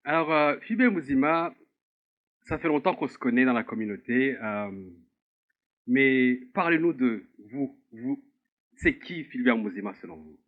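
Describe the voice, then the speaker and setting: A man's voice: medium pitch, animated, a little slow. A man hosting a television interview, speaking politely and formally with some hesitant fillers. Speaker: talk show host. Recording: tinny phone-like sound.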